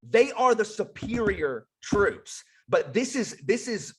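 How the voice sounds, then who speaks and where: Casting: husky man, lively guest, lots of fillers. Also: sits high, slow. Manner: animated, filler-heavy, enthusiastic. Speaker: panel guest. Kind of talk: casual panel discussion.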